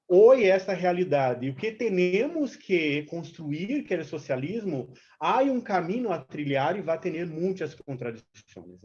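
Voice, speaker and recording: With a fairly low, mellow voice, a Brazilian activist representing a movement delivers an informal seminar talk in a mix of Portuguese, her native tongue, and Spanish. She often searches for the right word. The sound comes through a dull, lo-fi online call.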